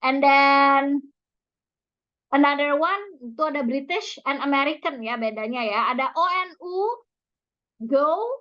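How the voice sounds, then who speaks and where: A woman with an Indonesian accent giving a pronunciation lecture, explaining slowly and repeating each example word, in a dull lo-fi recording. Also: high voice. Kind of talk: recorded online lecture mixing Indonesian and English.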